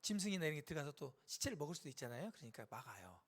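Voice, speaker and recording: Male Bible lecturer, high and gravelly, acts out the dialogue, very lively delivery. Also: very fast. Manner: dramatizes Bible scenes, switching voices, addresses listeners directly. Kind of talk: animated sermon lecture with acted-out dialogue.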